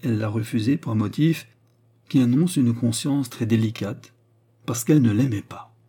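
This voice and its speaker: An earnest young man explains the world with patient conviction, as a man reads him aloud. The tone is mellow and dark, with a husky edge, and the delivery stays measured and sincere. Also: medium pitch, natural voice. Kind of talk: audiobook character reading.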